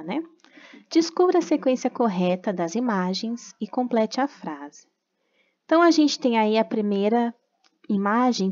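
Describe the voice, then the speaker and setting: A woman's voice: medium pitch, creaky, darkish tone, dull audio. A woman from Brazil teaching a remote class, patiently explaining step by step and checking in with tag questions.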